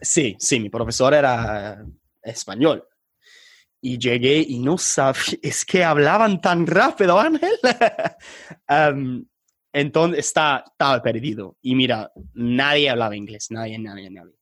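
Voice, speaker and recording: Man telling stories in halting Spanish. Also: medium pitch, no echo, clean studio sound. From England. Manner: hesitant, halting, animated anecdote telling. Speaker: podcast guest. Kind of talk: casual storytelling in an interview.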